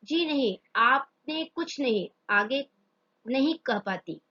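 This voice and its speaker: A meek, tearful young governess speaking in a trembling, high voice, as a woman teacher reads her part. The voice is breathy, and the recording sounds dull and lo-fi. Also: lively intonation, slow pace, heavily acted. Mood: timid.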